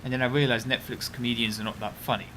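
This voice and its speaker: Chatty young gaming streamer. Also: male voice, medium pitch, little pitch movement, fast talker, noisy background. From United Kingdom. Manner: rambling, chatty, breaks off to react to the game. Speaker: game streamer. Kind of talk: casual gameplay commentary.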